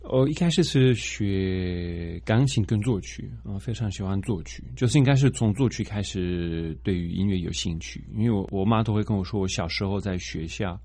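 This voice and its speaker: Deep, mellow foreigner speaking halting Mandarin, male. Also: dry recording. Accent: foreign-accented Mandarin. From Belgium. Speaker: interview guest, film composer. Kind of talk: casual interview.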